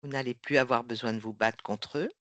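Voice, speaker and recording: A woman's voice: a bass voice, fairly even intonation, fairly quick, no echo. A woman guiding a hypnosis session as practitioner, speaking in a reassuring, firm way.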